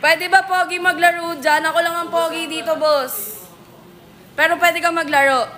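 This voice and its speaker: A woman's voice: very high-pitched, fairly even intonation, moderate pace, sharp tone. A woman hosting a casual live stream, answering viewer comments with playful, teasing comebacks. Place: billiards venue.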